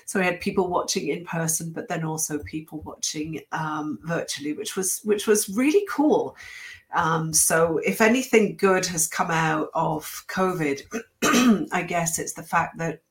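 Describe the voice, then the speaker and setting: A woman hosts a livestream while sick, her slightly low voice a little squeaky and worn. She chats casually in a rambling way, restarting sentences and laughing between thoughts. It sounds like a home computer microphone. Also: a little slow. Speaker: host. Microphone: webcam or computer mic.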